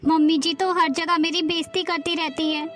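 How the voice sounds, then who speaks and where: A woman playing a meek, unhappy daughter-in-law who quietly laments how she is treated, in a family drama skit. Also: extremely high pitch, level tone, normal speed. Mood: sad. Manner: plaintive, soft-spoken.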